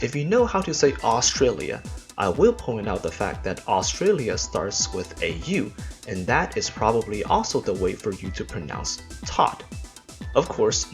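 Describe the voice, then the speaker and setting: Man, English test tutor, lively swinging pitch, gravelly fry, faint music behind. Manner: dry jokey asides while explaining pronunciation rules. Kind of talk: scripted instructional explanation.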